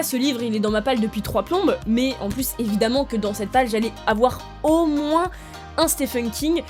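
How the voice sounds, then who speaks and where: A young woman in a casual, chatty book vlog, talking excitedly to her viewers with plenty of fillers and restarts. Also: high voice. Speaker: book vlogger. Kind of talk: casual chat to camera.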